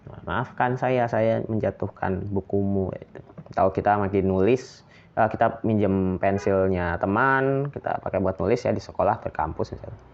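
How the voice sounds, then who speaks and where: A man's voice: fairly low pitch, normal speed, highs cut off. Chatty Indonesian man teaching English. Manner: relaxed, chatty, with fillers and small laughs. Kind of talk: casual explanatory lesson.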